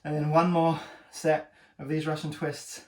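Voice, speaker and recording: A male fitness trainer, winded from the workout, coaches his viewers through each exercise with upbeat encouragement and wry jokes. His voice sits a little high and reaches the mic from a distance. The room around him rings with echo. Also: flat delivery, a little slow. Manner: encouraging, joking, breathing hard between exercises. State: out of breath. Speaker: personal trainer. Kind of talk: talking through a home workout.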